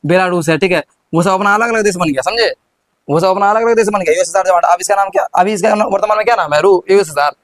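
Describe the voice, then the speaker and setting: This is a young male teacher with a Bihari Hindi accent and a high voice, running a history class. He keeps asking questions, answering them himself and restarting mid-word. The sound is dry and close. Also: no room sound. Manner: repeats questions, prompts students, stumbles and restarts.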